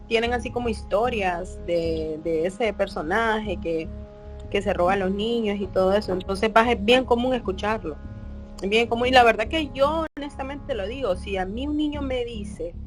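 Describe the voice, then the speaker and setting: Woman chatting earnestly on a podcast, fairly high voice, music playing behind. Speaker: podcast co-host. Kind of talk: casual chat.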